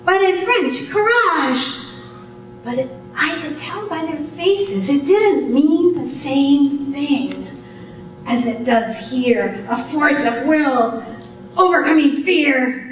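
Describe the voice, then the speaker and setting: An older woman telling a first-person story, unhurried and expressive. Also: high-pitched, slight background noise. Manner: unhurried, expressive delivery with amused laughter. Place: storytelling event hall. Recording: very echoey hall, voice far from the mic.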